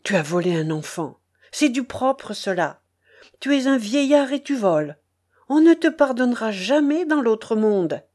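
A woman voicing a small boy who reproaches his grandfather with sharp, indignant cries. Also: on the high side, sing-song, a little slow. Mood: reproachful. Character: small boy, fierce and frightened.

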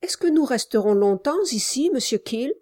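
A woman's voice: a little high, animated, normal speed, warm tone, no room sound, studio quality, voice pushed up. A woman reading an audiobook, voicing an obsequious male lawyer who titters and agrees with everything. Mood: fawning. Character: fawning, sniggering male lawyer.

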